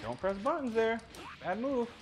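Excitable man commentating his fighting game. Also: very high voice, normal speed. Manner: excitable, swings between mutters and sudden yelps; profane trash talk at his opponent. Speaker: gaming streamer. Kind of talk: live commentary over ranked fighting game matches. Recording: game music loud behind voice.

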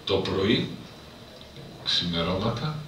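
A man's voice: deep voice, animated, a bit bright. A male priest giving an emotive storytelling talk to an audience, building to impassioned emphasis. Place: cultural centre hall. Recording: very echoey hall from far off, faint noise.

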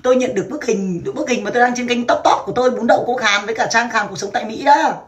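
Loud-mouthed vietnamese woman on a livestream, kinda high voice, swears and laughs a lot. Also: racing. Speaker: livestream seller. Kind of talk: casual livestream chat.

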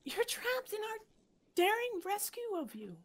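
A woman voicing a squeaky, earnest, excitable young bug creature like a Christmas elf in video game dialogue. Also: a little slow, a little hiss or hum, exaggerated voice. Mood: earnest, alarmed. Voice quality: squeaky, childlike. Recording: game music behind the voice.

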